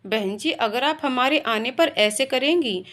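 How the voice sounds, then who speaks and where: A woman's voice: high voice, lively intonation, measured pace, a bit bright. A woman voicing a caring but firm mother-in-law in a spoken storybook. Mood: motherly.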